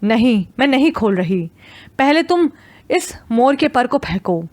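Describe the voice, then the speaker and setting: A woman's voice: on the high side, very animated, darkish tone, no echo. A woman voicing a timid, tearful young wife who pleads in an audio novel. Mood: pleading.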